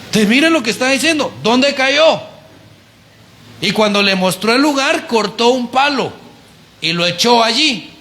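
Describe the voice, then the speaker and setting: A man preaching a conversational sermon, animated and often putting rhetorical questions to the congregation. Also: very high-pitched, normal speed, slight background noise.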